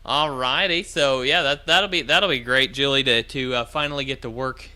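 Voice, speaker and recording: With a medium-pitched, sharp and clean-sounding voice, a man hosts a ham radio livestream, keeping the talk about amateur radio casual. He comes across as agreeable and jokey, chuckling readily.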